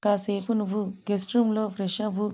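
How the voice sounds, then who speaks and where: A woman reading the lines of a calm middle-aged father who talks in a gentle, reassuring way. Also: mid-range voice, quick pace, lo-fi sound, close to an everyday voice.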